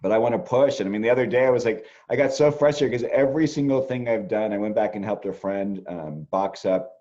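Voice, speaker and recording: A man's voice: lowish voice, fast talker, mellow, muffled recording. A middle-aged man, an astrologer, talking casually and rambling with many fillers. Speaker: astrologer co-host. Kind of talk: casual conversation.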